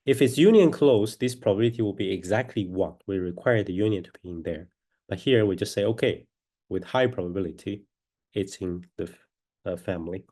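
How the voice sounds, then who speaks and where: Congested from a cold, a man with a low, warm voice lectures on a mathematical proof. He moves step by step, deliberate and halting.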